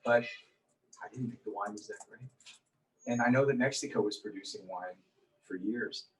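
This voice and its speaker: A man's voice: on the low side, moderate pace, distant mic, low-quality recording. A man hosting a casual interview, rambling loosely with fillers. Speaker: radio talk show host.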